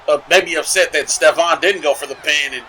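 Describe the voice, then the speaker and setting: A man adding color commentary to a wrestling match in a bright, forceful voice that sits a little high. He analyses strategy and tactics rather than just calling moves. Faint noise lingers behind him. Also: fairly quick, rough recording. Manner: analytical, breaks down the action. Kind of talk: live sports commentary.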